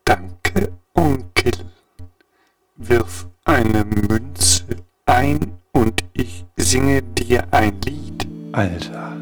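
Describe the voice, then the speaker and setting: A man's voice: mid-range voice, extremely slow, recorded from a distance, faint music behind. A man voicing a greedy, grumpy male coin-operated singing machine that curtly demands money. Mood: gruff, greedy. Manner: demands coins, gruff and curt.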